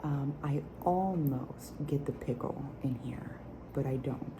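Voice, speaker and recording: A woman speaking in a soft, hushed, near-whispered ASMR voice as she gives a product review. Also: very deep voice, takes it slowly, background noise. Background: nail tapping.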